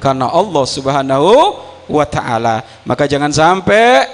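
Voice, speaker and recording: Male preacher with a gravelly, fairly high voice, repeats stuff for emphasis, big hall echo. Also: very animated, normal speed. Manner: emphatic, repeating key phrases. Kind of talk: religious sermon to students and viewers. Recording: long hall reverb.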